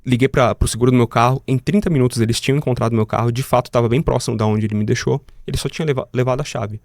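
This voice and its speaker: Brazilian man, podcast guest, vivid storyteller, quick delivery, dry close sound. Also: mid-range voice, fairly even intonation, gravelly, darkish tone, no room sound. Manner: vivid, talks to the host as "cara", acts out the dialogue. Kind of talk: dramatic personal storytelling. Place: podcast studio.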